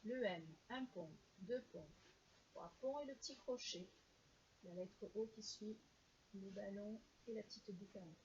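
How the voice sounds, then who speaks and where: A woman teacher giving a slow, clear reading lesson to young children and carefully sounding out each syllable. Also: mid-range voice, darkish tone, dull audio, a little hiss or hum.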